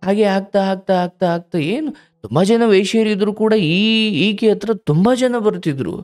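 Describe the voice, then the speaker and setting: Speaking a little slowly in a high voice, a man running a live call-in counseling show gives a caller fatherly spiritual advice. His manner is warm and preachy, and he occasionally acts out what people say.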